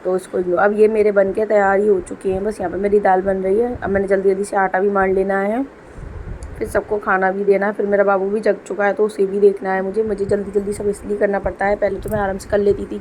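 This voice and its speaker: A young homemaker vlogger talks through her kitchen routine in a casual voice-over, chatty and explaining as she works, though she has a sore throat and coughs. Her voice is medium in pitch with a darkish tone. The recording is rough, with a little hiss or hum.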